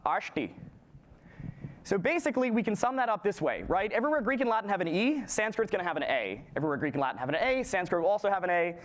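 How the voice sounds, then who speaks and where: A young man with a fairly high voice lectures a roomful of listeners. He talks casually and with energy, tosses questions to the crowd and keeps checking in as he goes. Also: fast, slight background noise. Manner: energetic, casual, keeps asking "right?" and quizzing the audience. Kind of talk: live classroom lecture on historical linguistics. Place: lecture room with an audience.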